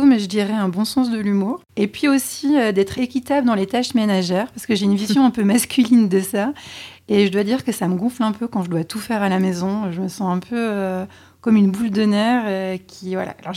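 A chatty woman answering interview questions with a mellow, warm tone. She talks candidly and hesitates now and then as she thinks. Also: mid-range voice, a little fast. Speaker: podcast co-host being interviewed.

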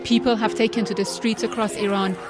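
Urgent newswoman over loud music and crowd. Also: medium pitch, little pitch movement, fairly quick. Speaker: news reporter. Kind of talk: broadcast news report. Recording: archive news clip with loud music and crowd. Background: loud music and crowd noise.

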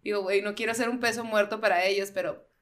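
A woman's voice: medium pitch, quick pace. A woman podcast host telling stories in a casual chat, acting out the lines of the people in them. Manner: animated storyteller, acts out dialogue.

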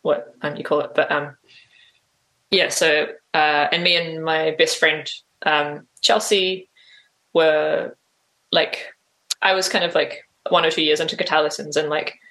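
A woman's voice: low voice, flat delivery, measured pace, fairly bright tone. Hesitant New woman guest. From New Zealand. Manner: hesitant, full of "like" and "um" fillers. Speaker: interview guest. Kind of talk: casual interview answers.

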